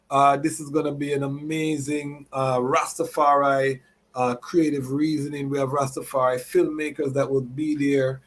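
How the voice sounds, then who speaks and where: A man hosting a live show, mixing announcements with Rastafari reasoning in Rastafarian idiom and repeated catchphrases. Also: on the high side. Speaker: podcast host.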